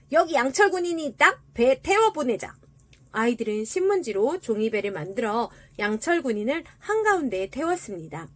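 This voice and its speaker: Female storyteller for children's tales, high and animated, gentle and expressive.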